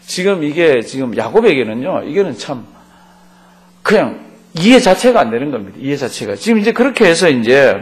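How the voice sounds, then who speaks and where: A man's voice: a little high, very animated, moderate pace. A male pastor giving a Bible study lecture in a church class, acting out quotes and quizzing his students. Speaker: pastor teaching a Bible course.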